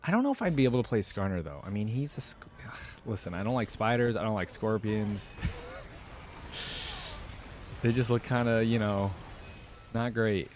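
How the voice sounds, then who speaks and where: Speaking at a moderate pace with frequent pauses, a young man with a lowish, expressive voice reacts informally to gameplay as a reaction video host. He muses aloud into a close desktop microphone with headset, and background noise is clearly audible.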